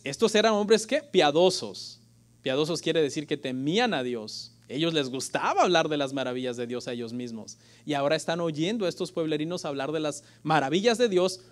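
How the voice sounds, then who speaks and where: A middle-aged man, preaching a lively sermon in church and joking with the congregation. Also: fairly high pitch. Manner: lively preaching, addressing listeners as "hermano"; jokes with the congregation. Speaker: pastor.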